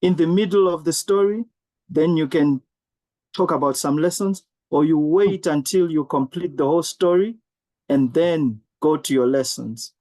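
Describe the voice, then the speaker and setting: A man's voice: a little high, moderate pace, mellow. A man taking part in a workshop over a video call, polite, speaking in short pieces. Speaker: workshop participant. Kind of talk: asking a question on a video call.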